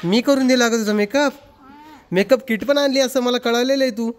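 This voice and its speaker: A man's voice: extremely high pitch, fairly quick. A man hosting a casual family vlog, chatting with relatives and teasing the children in a playful, talkative way. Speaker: family vlogger.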